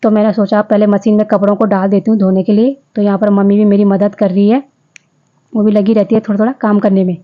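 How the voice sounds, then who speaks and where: A woman in her fifties narrates her home vlog in a chatty, homely voice-over, speaking straight to her viewers. Her medium-pitched voice is level in tone and quick, and the sound is lo-fi.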